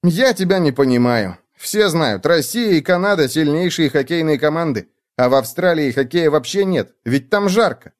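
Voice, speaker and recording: A man's voice: a little high, lively intonation, normal speed, hardly any pauses, voice pushed up, close to an everyday voice. A man voicing a sensible, friendly gopher who explains things in a slightly raised voice in a children's storybook. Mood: explaining.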